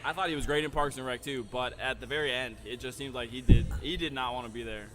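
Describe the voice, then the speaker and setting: A man's voice: medium pitch, fairly even intonation, quick pace, loud music behind the voice. A man co-hosting a casual podcast, rambling with hesitant fillers. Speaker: podcast co-host. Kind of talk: casual bar chat.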